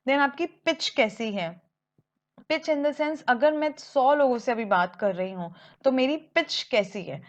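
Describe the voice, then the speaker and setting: A woman with a slightly high voice teaches exam speaking skills in a measured, explanatory lesson. She slows down to press on important points. The recording is somewhat muffled and lo-fi. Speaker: English exam coach. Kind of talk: Hindi-English mixed lesson.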